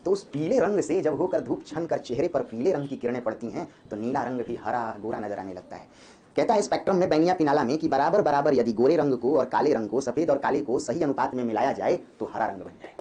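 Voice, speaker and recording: कक्षा में हिंदी साहित्य पढ़ाता एक पुरुष शिक्षक, जो बार-बार छात्रों से सवाल पूछता है।. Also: male voice, mid-range voice. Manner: lively, quizzes students with quick questions. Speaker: Hindi literature teacher. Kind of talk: classroom lecture. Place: classroom.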